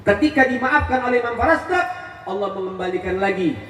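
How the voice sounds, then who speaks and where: A man with a Betawi accent preaching to a gathering, telling a story in a lively, high-pitched voice and jumping in pitch as he acts out each speaker. His voice comes from some distance and rings around a roomy hall, with a faint hum underneath. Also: fast talker. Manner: animated, swinging pitch, acting out quoted speech. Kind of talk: storytelling sermon. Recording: echoey hall, voice from far off.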